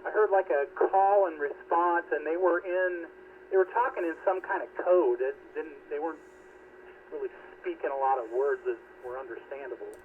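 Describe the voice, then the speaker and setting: A man's voice: on the high side, moderate pace. Male net caller heard over a radio transmission, thin phone-like band, hesitant and restarting, light static. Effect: heard over a two-way radio transmission. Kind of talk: casual radio check-in. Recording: tinny narrowband radio with faint hiss.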